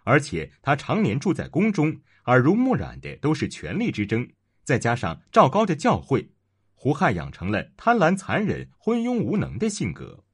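Husky guy telling a history story, super animated pitch, dramatic. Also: normal speed.

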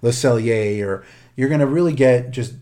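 A man co-hosting a casual chat, animated and joking, with many fillers and restarts. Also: mid-range voice, moderate pace. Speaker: podcast co-host.

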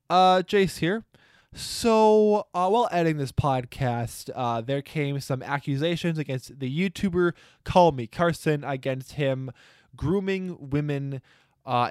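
A man's voice: fairly high pitch, smooth, no echo, studio quality. Groggy young man hosting a podcast. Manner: rambling, halting, lots of uh and restarts. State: groggy, just woke up. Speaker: podcast host. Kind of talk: casual podcast chat.

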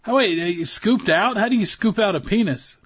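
A man's voice: high-pitched, fairly quick, fairly bright tone, husky. A man in his thirties, with a slightly raised voice, co-hosts a casual podcast. He sounds laid-back and makes crude jokes. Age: 30s. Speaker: podcast co-host. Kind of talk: casual chat.

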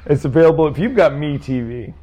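A man's voice: on the high side, lively intonation, fast, dark tone. A man co-hosting a casual podcast, wry and dry as he talks about movies. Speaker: podcast co-host.

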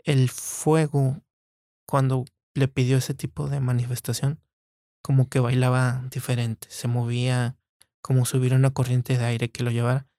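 Gravelly, hesitant man. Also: mid-range voice, level tone, dark tone, no room sound, studio quality. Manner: halting, hesitant, many fillers. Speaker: podcast guest. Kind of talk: personal recollection.

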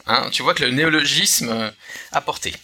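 A man's voice: medium pitch, brisk, bright, forceful tone, a little hiss or hum. A man hosting a casual podcast chat, hesitant, with many filler sounds and restarts. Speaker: podcast host.

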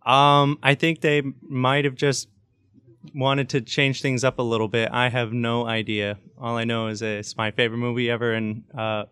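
Easygoing young man with a smooth voice. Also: mid-range voice, little pitch movement, moderate pace, a bit bright, dry recording. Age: young adult. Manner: easygoing, hesitant. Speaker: intern. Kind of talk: casual radio banter.

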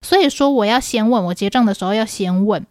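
A woman's voice: medium pitch, quick pace, no echo, clean studio sound. A young woman with a Taiwanese Mandarin accent, co-hosting a casual chat podcast and telling stories with acted-out dialogue and frequent laughs. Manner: animated storyteller, acts out dialogue, laughs often. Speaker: podcast co-host.

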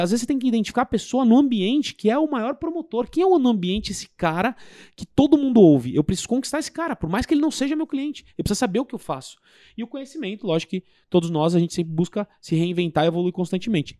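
A man talks through sales techniques in an emphatic, explanatory way. His voice sits a little high. The sound is dry and close. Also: mellow, no room sound. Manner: explanatory, emphatic, practical examples. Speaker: business guest. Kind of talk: casual sales advice talk.

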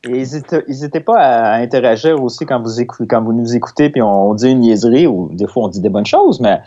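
A man with a Québécois French accent co-hosting a casual sports podcast, relaxed, talking in stops and restarts. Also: mid-range voice, quick pace. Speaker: podcast co-host. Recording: dull lo-fi sound.

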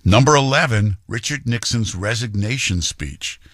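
A man's voice: medium pitch, expressive, moderate pace, fairly bright tone, no echo, clean studio sound. A man hosting a radio talk show, delivering an opinionated monologue in a punchy, conversational way with frequent fillers. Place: radio studio.

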